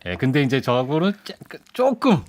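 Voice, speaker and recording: A man's voice: medium pitch, expressive, fast talker. A man who is a guest commentator in a radio studio, explaining ideas in a lecturing way with hesitant restarts. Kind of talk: radio current-affairs discussion.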